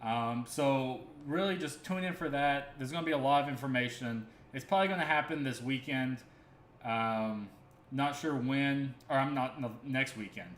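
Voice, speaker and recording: A man's voice: medium pitch, normal speed, fairly bright tone, slight background noise. A man hosting a crypto livestream, talking casually and earnestly, rambling with many fillers and restarts. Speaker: crypto stream host. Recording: echoey room with faint ambience.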